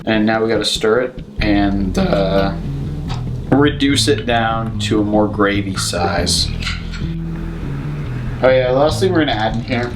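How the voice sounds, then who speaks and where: A man's voice: on the low side, measured pace, long pauses. A slightly tipsy man casually talking through a cooking demonstration step by step, in an informal, rambling, offhand way. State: somewhat tipsy from drinking. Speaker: cooking show host. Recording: music playing behind the voice. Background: plucked guitar music.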